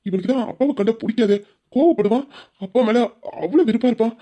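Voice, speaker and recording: A woman's voice: on the high side, fast talker, warm tone. A woman speaking an anxious, questioning inner monologue in an amateur audio drama. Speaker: storyteller voicing the characters.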